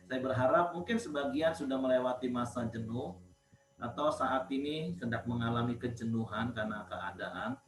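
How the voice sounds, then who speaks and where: A man of middle pitch hosts an online devotional session, moderating in a friendly, relaxed way. His voice sounds roomy and echoey, with a faint hiss of noise behind it.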